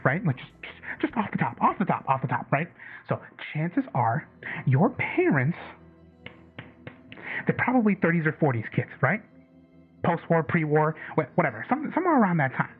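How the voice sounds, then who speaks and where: A slightly high, breathy-edged male voice belongs to an actor portraying a late-night radio caller obsessed with conspiracies, agitated, stammering, repetitive and profane as he rambles. The audio drama mimics casual talk radio, coming through a tinny phone line with music behind it.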